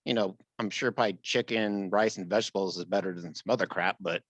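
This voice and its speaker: A man in his fifties with a fairly low voice, recorded close and dry. He hosts a relaxed podcast interview, asking questions and affirming often with easy "right, right"s. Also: fast, dry recording. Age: 50s. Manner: easygoing, affirming with frequent "right, right". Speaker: podcast host.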